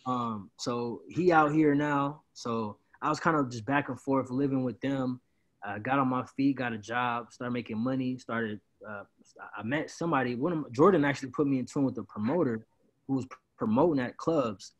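A man in his twenties from Peoria, Illinois, works as a party promoter and chats loosely on a video call from a small room at home. His medium-pitched voice moves at a normal speed as he rambles in a laid-back way, often saying "bro," in what plays like a casual interview.

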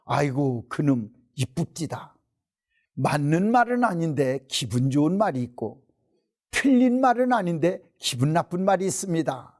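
Folksy pastor telling a story. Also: male voice, fairly high pitch, big pitch swings, moderate pace, a little mellow. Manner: folksy storytelling, acting out quoted voices. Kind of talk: sermon column, storytelling. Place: broadcast studio.

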